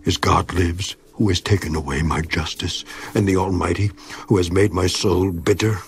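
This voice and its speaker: In this dramatized Bible reading, a voice actor takes the part of Job, aged, suffering, but steadfast. He speaks low and at moderate pace with fairly even intonation, solemn and declamatory with rising and falling emphasis, over a little hiss or hum.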